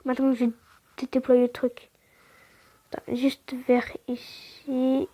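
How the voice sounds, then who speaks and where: Excitable stammering woman gamer. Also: high voice, slow. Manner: stammers, restarts words; excitable outbursts, slangy. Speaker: gaming channel host. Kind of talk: casual gameplay commentary.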